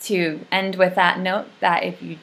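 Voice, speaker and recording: A woman's voice: lowish voice, flat delivery, unhurried, gravelly, a bit bright. A young adult woman giving a casual, rambling video update, full of ums and likes. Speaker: vlogger.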